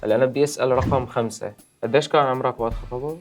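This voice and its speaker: A man's voice: mid-range voice, racing, faint music behind. A 25-year-old man with a Levantine Arabic accent, pressing the others with questions in game-show banter. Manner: pushy, keeps asking questions. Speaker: contestant.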